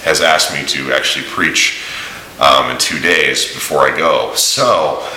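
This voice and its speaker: A man giving a casual, rambling video diary in a halting, informal way, recorded in a big echoey room. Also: a bass voice, sharp tone. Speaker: vlogger and volunteer preacher on a mission trip. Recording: echoey room, big echo, audible hiss.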